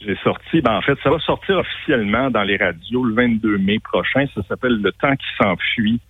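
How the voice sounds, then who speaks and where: Homme québécois au téléphone, voix grave. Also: male voice, lowish voice, fairly quick, slightly rough. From Morocco. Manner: hesitant, many fillers and restarts. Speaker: guest singer. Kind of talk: casual radio interview. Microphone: phone line. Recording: tinny dry phone line.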